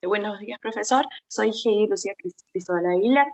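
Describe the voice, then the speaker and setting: A woman's voice: medium pitch, brisk. A 29-year-old woman presenting a class project, often adding "¿no?" and "este" as she explains. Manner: explains with tag questions "¿no?" and "este" fillers. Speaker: student presenter. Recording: dull, dry lo-fi audio.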